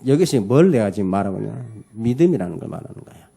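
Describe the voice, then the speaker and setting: A man's voice: lowish voice, sing-song, quick pace, gravelly, mellow, slightly rough. A man pastor giving a Sunday morning sermon in church, preaching emphatically, calling for amens and telling a story with many fillers. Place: church service.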